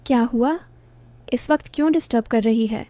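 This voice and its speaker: A woman voicing a teasing, playful young wife with a brisk way of speaking, in a read-aloud story. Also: fairly high pitch, warm tone, no echo, natural voice. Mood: irritated.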